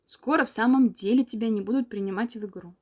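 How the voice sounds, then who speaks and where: A woman's voice: a little high, fast talker, a little mellow, close to an everyday voice. A woman doing a cheerful coaxing young boy. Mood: gentle. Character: young boy, good-natured and teasing.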